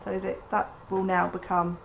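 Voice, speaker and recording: A woman's voice: medium pitch, monotone, moderate pace, creaky, a little hiss or hum. A woman speaking matter-of-factly in an interview.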